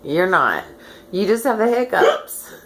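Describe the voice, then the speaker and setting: A woman's voice: medium pitch, big pitch swings, a little slow, fairly bright tone. A woman filming her husband on her phone at home, teasing him in a casual chat and laughing often. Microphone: phone camera. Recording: faint background noise.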